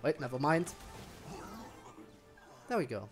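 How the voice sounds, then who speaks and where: A man with a slightly high, expressive voice streams a video game, speaking slowly with soft music behind him. His live gameplay commentary is casual, sprinkled with wry asides muttered to himself.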